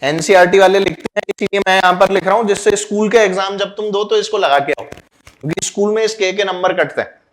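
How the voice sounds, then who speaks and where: A man's voice: high-pitched, quick pace, slight background noise. A man teaching a physics class, quizzing and scolding students as he mixes in English terms. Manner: loud, scolding and urging. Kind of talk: classroom lecture.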